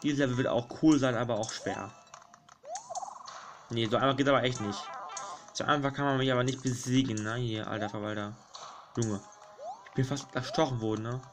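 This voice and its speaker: A young man giving casual commentary over a platform game, fretting aloud, pleading, and yelling at enemies. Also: mid-range voice, brisk, long pauses. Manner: excitable, frets and shouts at enemies. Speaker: gaming YouTuber. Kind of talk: casual let's play commentary. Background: game music.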